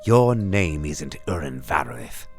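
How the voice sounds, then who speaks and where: A man voicing a fierce young woman gang leader who talks in a sharp, demanding, cutting way. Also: extremely low pitch, big pitch swings, slow pace, music in the background, full character voice. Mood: cold accusing.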